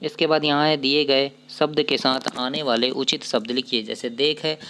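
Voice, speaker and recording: A man's voice: medium pitch, steady tone, a bit bright, slight background noise. A male teacher going through a children's workbook, asking questions and answering them himself. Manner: explains step by step, asks and answers his own questions; reads poem lines slowly. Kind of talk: workbook lesson walkthrough.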